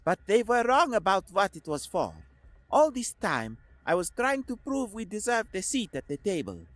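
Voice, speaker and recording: An earnest, academy-trained woman officer who talks in a measured, reflective way, as a male narrator puts her on. The pitch sits raised and moves in lively swings. The sound is dry and close. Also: no echo, exaggerated voice.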